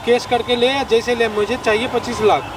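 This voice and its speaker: A man's voice: very high voice, little pitch movement, brisk. A man acting as a blunt, impatient suitor who demands money, in an amateur skit. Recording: distant mic with street noise.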